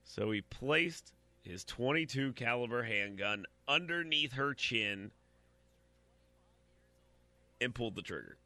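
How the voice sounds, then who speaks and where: A man's voice: mid-range voice, expressive, a little slow, bright, forceful tone, dry recording. A man giving blunt, opinionated commentary while reading out a news story, talking straight to his audience and stumbling over repeated words.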